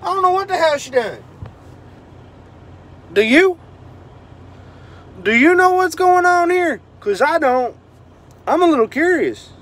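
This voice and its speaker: High, animated trucker swearing. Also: male voice, measured pace, long pauses. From Kentucky. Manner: loud, swearing, joking, easily rattled. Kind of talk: profane running commentary.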